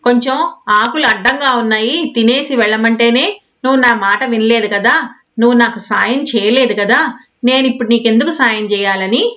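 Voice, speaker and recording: A woman's voice: on the high side, normal speed, a bit bright, dull audio, natural voice. A woman voicing reproachful talking water. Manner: scolding, then advising. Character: boiling pot water, reproachful but pitying.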